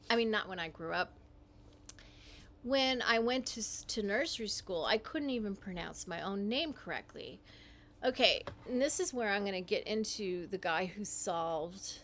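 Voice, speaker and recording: A woman hosting a livestream, talking in a meandering, halting way, often correcting herself as she types. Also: mid-range voice, a bit bright, slight background noise. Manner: typing while talking. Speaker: livestream host. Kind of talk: rambling livestream monologue.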